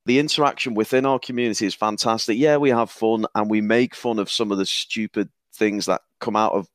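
A man's voice: fairly low pitch, steady tone, fairly quick, no echo. A man with a Northern English accent hosting a podcast, chatty and casual, often repeating words as he talks. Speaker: podcast host.

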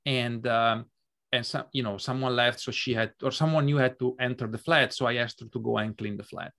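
A man's voice: mid-range voice, fairly even intonation, fairly quick, vocal fry, a bit bright. A man co-hosting a podcast, talking in a thoughtful, hesitant way with many fillers and restarts as he tells a personal story. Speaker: podcast co-host. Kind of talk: reflective podcast chat.

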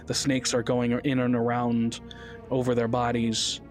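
A man narrating a tabletop game as game master in a relaxed, chatty way with many fillers. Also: medium pitch, measured pace, faint music behind.

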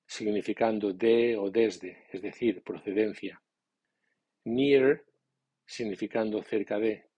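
A man reading a scripted English lesson in Spanish, explaining in a measured, formal way and giving example sentences. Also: lowish voice, mellow, slightly rough, no echo. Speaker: English teacher.

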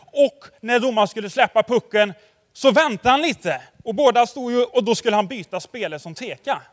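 High-voiced pastor preaching in a reverberant hall. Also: male voice. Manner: chatty, with constant tag questions to the congregation; anecdotal storytelling, addressing the audience directly. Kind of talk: conversational sermon. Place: church hall before a congregation.

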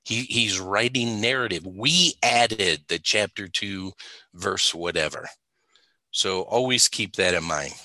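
A man's voice: fairly low pitch, takes it slowly, pushed and bright, no echo. A man teaching the Bible in a conversational way, emphatic and stressing points by repeating words.

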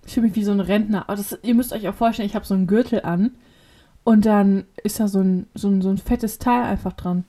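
A young woman co-hosting a podcast, telling a story in a lively way, acting out quotes and swearing casually. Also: mid-range voice, fast. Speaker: podcast co-host. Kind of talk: casual chat.

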